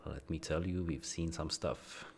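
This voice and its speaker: A man's voice: extremely low pitch, fairly even intonation, a little slow, vocal fry, slight background noise. A young man from the Czech Republic chatting in a laid-back, easygoing way as a stream guest. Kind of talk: casual chat.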